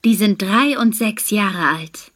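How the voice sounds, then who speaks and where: A woman's voice: medium pitch, slow pace, fairly bright tone. A woman voicing a friendly young au pair. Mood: pleasant. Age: young adult. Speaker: interviewee in a language exam recording. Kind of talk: scripted exam dialogue.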